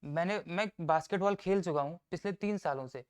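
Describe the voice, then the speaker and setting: A man teaching an exam-prep grammar lesson, explaining step by step, reading example sentences out slowly and answering his own questions. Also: sits high, clean tone. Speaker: English teacher.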